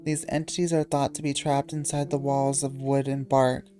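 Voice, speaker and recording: Yawning and sleepy, this female channel host stumbles through wiki entries in a hesitant reading. She has a bass voice with a flat delivery and dark tone, and faint music plays in the background.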